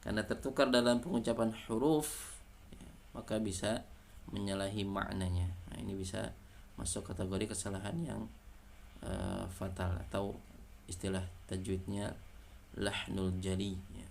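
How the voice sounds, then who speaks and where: A man with an Indonesian accent teaching Quran recitation, patiently correcting letter sounds and chanting verses slowly. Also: on the low side, level tone, vocal fry, darkish tone, a little hiss or hum. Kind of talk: tajwid lesson with slow chanted recitation.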